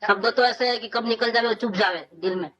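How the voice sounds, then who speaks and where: A man's voice: sits high, fairly quick, crowd noise, low-quality recording. A man teaching from scripture in an informal spiritual discourse, asking rhetorical questions and answering them himself.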